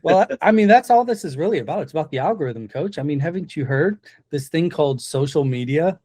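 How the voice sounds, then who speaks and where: A man's voice: on the high side, animated, fast, a little mellow, husky. A man hosting a podcast interview, jokey and chatty with many fillers. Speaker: podcast host. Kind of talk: casual interview conversation.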